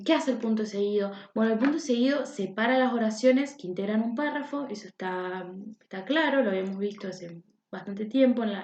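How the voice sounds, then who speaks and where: A woman's voice: medium pitch, a little mellow. A young woman, a university student presenting a class lesson with many hesitations and fillers. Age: young adult. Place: room at home. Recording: echoey, dull lo-fi home recording.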